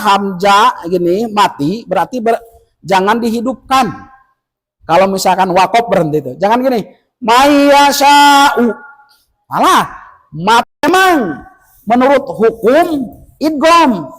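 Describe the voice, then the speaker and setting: A man teaching tajwid to a group of village men, explaining rules patiently and chanting examples slowly. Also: sits high, fairly bright tone, rough recording. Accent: Indonesian. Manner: patient and instructive, chants verses slowly to demonstrate. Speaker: Quran recitation teacher. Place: village study gathering indoors.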